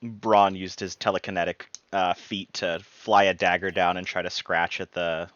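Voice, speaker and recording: A man's voice: deep voice, little pitch movement, moderate pace, a bit bright, highs cut off. A young man, a player in a tabletop role-play game, talking playfully and laughing often.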